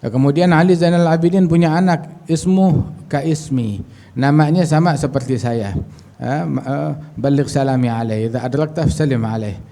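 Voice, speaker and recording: A man's voice: fairly high pitch, moderate pace, warm tone. A man preaching and telling a story at a religious gathering. He recites Arabic phrases, explains them in casual everyday speech, and acts out the dialogue.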